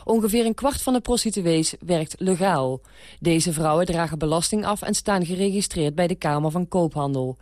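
A female reporter reading a scripted radio report in a measured way. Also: on the low side, darkish tone, no echo, clean studio sound.

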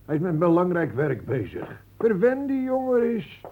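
A man's voice: high-pitched, wildly swooping pitch, moderate pace, full character voice. A man playing a sly, bitter man who mocks and needles others, in an old radio drama. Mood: mocking. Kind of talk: 1960s radio drama acting. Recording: tinny old radio broadcast.

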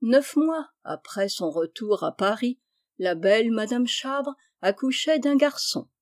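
A woman reading a classic story aloud in measured, descriptive narration. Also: a little high, animated, no echo, studio quality. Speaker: reader.

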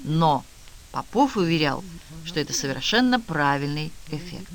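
A man reading a novel aloud in an even, measured narration. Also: fairly high pitch. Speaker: audiobook narrator. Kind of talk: scripted narration.

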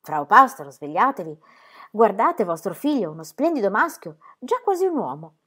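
A woman voicing a bossy, imperious middle-aged German midwife who talks loudly and insistently. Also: very high voice, wildly swooping pitch, slow pace, pitched above the performer's own voice, full character voice.

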